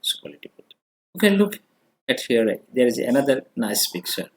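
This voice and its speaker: A man's voice: mid-range voice, big pitch swings, slow pace, roomy sound. A male English teacher giving a classroom grammar lesson, switching between two languages and often asking questions that he then answers himself.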